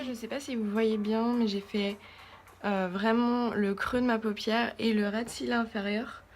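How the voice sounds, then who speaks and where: A woman's voice: mid-range voice, mellow, a little hiss or hum. A woman giving a casual makeup tutorial as a beauty vlogger, chatty and thinking aloud with lots of fillers.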